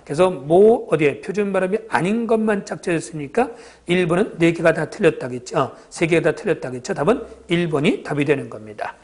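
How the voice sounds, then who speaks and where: High-voiced man giving an exam lecture. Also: expressive, a little fast, darkish tone. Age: middle-aged. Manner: asks constant rhetorical check-ins.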